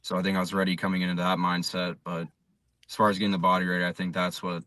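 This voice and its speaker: Being interviewed, this young adult pitcher from South Dakota gives casual, straightforward answers in an American accent. He talks fast in a low voice with little pitch movement, sounding pushed and bright, and the recording is dry with clean studio sound.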